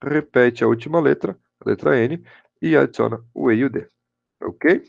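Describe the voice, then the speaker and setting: A man's voice: medium pitch, normal speed, vocal fry, darkish tone, dry recording, muffled recording. A man with a Brazilian Portuguese accent teaching an online English grammar class, often checking in with his students. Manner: repeats "show de bola" and "pessoal", checks in with students.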